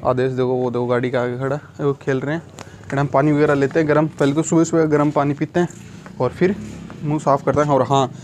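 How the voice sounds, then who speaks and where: A man's voice: medium pitch, level tone, fast talker, a little mellow, slight background noise. Chatty young man vlogging on a phone. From Rajasthan, India. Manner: chatty and rambling, addresses viewers as guys. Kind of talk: casual vlog chat. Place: home courtyard, then a clothing shop. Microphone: phone camera, no earphone mic.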